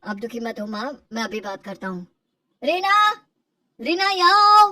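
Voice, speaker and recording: Woman voicing a young husband trying to calm things. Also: mid-range voice, fairly quick, no room sound, studio quality, far from the mic, pitched below the performer's own voice, natural voice. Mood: placating. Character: young husband caught between wife and mother.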